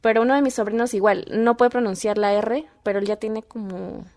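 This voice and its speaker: A woman, a podcast guest and mother, telling animated stories and acting out quoted dialogue. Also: a little high, a little fast. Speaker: guest, voice-over artist and mother. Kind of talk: casual podcast chat.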